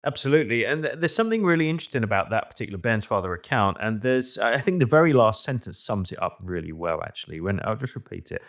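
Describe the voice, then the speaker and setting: Brief: male co-host, thoughtful and agreeable, lower pitch. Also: big pitch swings, quick pace, few pauses, a bit bright. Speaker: podcast co-host. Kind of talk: casual discussion.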